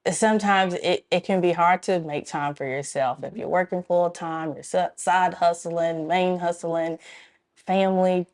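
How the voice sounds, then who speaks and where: A woman's voice: fairly low pitch, fairly even intonation, measured pace. A woman from Memphis, Tennessee, a club co-founder speaking as an interview guest, friendly and explanatory, laughing often. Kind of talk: casual interview talk.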